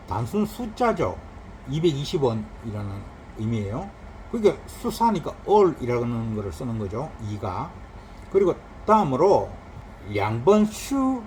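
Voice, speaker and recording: A man's voice: a little high, slight background noise, low-quality recording. A man teaching a recorded Chinese grammar lesson, explaining patiently and drawing out spoken examples. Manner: lively explaining, drawn-out examples.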